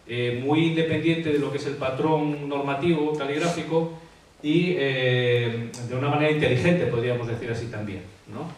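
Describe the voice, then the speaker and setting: A man's voice: fairly high pitch, distant mic. A man from Asturias, a graphologist, explaining handwriting traits in an interview, full of hesitations and tag questions. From Asturias, Spain. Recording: echoey room, off-mic, faint hiss.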